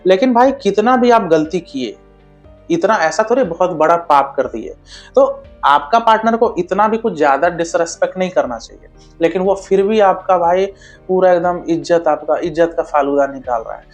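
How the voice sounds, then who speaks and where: A man's voice: sits high, animated, normal speed, faint music behind. A man giving blunt, casual relationship advice straight to his viewers, keeps checking they understand and calls them brother.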